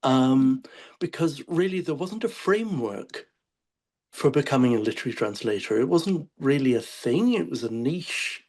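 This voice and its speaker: A man speaking as a literary translator on an online panel, telling his story in a relaxed, wry way. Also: mid-range voice, normal speed. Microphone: video call.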